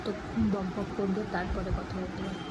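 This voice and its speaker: A middle-aged woman with a West Bengal accent chats casually for her family's home vlog, rambling, repeating and rephrasing herself as she goes. Her mid-range voice has little pitch movement and a normal speed. The home recording is clearly noisy.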